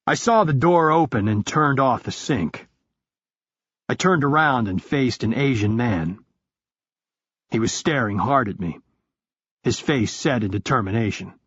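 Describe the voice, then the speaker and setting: Man, first-person thriller narrator, husky voice, calm matter-of-fact, muffled lo-fi, dry. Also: medium pitch, unhurried, pauses often, dry recording. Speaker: audiobook narrator.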